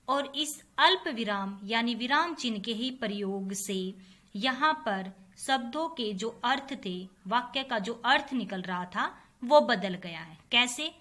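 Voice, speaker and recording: A woman teacher speaks slowly and patiently to young pupils, going over each example again and again. Her voice sits a little high and sounds bright and clear. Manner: slow, patient explaining to children, repeating examples. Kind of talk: recorded online class lesson.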